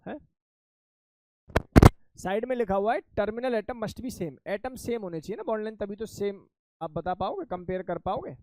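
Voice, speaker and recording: A man's voice: sits high, expressive, moderate pace, long pauses, noisy background. A male chemistry teacher, lecturing a classroom of offline and online students, repeating questions and coaxing them by name. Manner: calls students by name, says beta and bhai.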